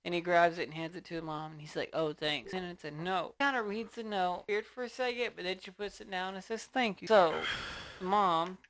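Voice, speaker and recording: A woman co-hosts a podcast and retells a film in a rambling, giggly way, acting out the lines as she goes. Her voice is on the low side for a woman and sounds smooth and clear. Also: a little fast. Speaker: podcast co-host. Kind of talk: casual movie recap chat.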